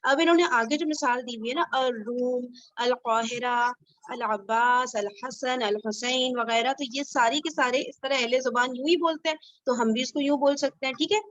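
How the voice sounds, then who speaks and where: A woman's voice: sits high, a bit bright, dry recording. A woman from Pakistan leading an online Arabic grammar study group, explaining patiently and often checking that everyone understands.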